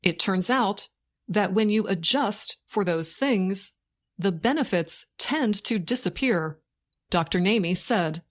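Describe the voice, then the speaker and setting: Woman reading slowly and deliberately, dictation-style. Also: medium pitch, animated. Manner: slow, deliberate, short phrases with pauses, like dictation. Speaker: narrator. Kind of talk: slow scripted learning-English news reading.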